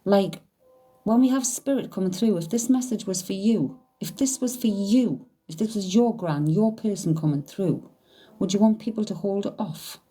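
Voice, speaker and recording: A woman, giving a medium's spirit reading in a chatty, halting way, often hedging with "I feel". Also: medium pitch, mellow, husky.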